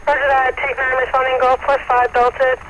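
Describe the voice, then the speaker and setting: High, bright-voiced man dispatching over two-way radio. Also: monotone, moderate pace. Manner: clipped, formal radio procedure wording. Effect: two-way radio transmission. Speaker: fire dispatcher. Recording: muffled radio scanner audio with faint hiss.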